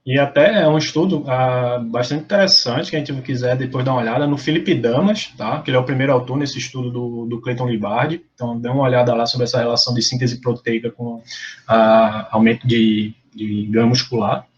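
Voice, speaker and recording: A man's voice: medium pitch, steady tone, a little fast, muffled recording. A man with a Brazilian Portuguese accent presenting at an academic lab meeting over a video call, explaining at length with frequent fillers and self-corrections. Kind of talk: academic lecture with discussion.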